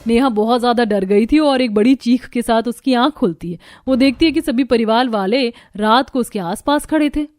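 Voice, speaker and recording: A woman narrating a cartoon story in a plain, steady scripted style. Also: a little high, normal speed, few pauses, no echo, studio quality.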